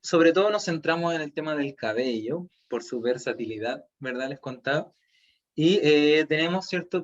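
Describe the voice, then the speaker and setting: A Chilean man teaches a language class over a video call, walking through each example patiently and often checking that students follow. His voice sits fairly high for a man. The sound comes through a computer mic as dull, muffled, lo-fi audio. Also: a bit bright. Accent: Chilean Spanish. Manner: explains step by step, checks in with "¿cierto?" and "¿ya?". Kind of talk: online class lecture.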